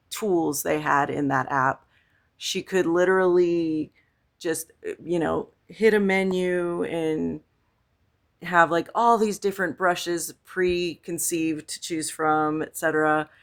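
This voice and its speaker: A woman with a hoarse morning voice, chatting in a rambling way as she walks through her digital painting app. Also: lowish voice. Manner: chatty and rambling, lots of ums and asides. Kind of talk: casual screen-share demo vlog.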